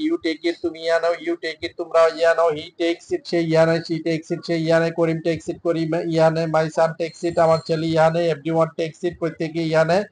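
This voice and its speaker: A man with a Bengali accent teaching an English lesson, reading each drill sentence in English and then in Bengali, steady and measured. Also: a little high.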